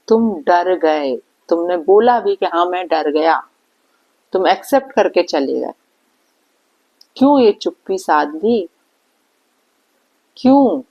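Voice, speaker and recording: A woman vlogger reacts to online drama in a scolding, indignant commentary, firing off rhetorical questions. Her voice is lowish and a little mellow, and the recording is muffled.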